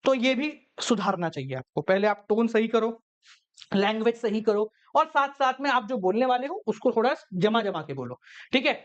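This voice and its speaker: Chatty male teacher with a higher voice. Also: animated, normal speed, highs cut off. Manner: chatty, explains with everyday examples. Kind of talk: casual classroom lecture.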